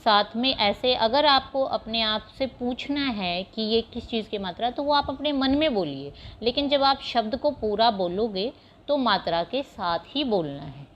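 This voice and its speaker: A woman teaching young children Hindi vowel signs, patiently explaining step by step and sounding out words slowly. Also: on the high side, lively intonation, muffled recording, slight background noise. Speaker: primary school teacher. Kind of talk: Hindi phonics lesson over slides.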